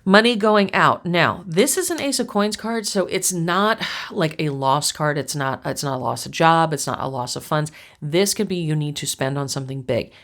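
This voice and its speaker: A woman's voice: low-pitched, lively intonation, normal speed, hardly any pauses, a bit bright. A woman giving a casual, chatty tarot reading, reassuring and repeating herself often. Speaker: tarot reader.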